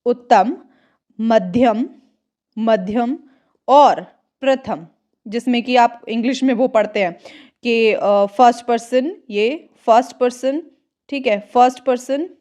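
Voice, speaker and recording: A woman teacher going through exam questions, explaining step by step and slowly repeating key words. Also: fairly high pitch, mellow. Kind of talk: exam-prep grammar lesson.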